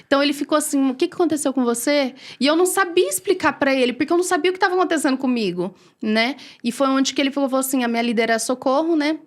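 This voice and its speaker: High-voiced, fast-talking Brazilian woman. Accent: Brazilian Portuguese. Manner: animated storyteller acting out quoted dialogue. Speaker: podcast guest. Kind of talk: personal faith testimony in casual conversation.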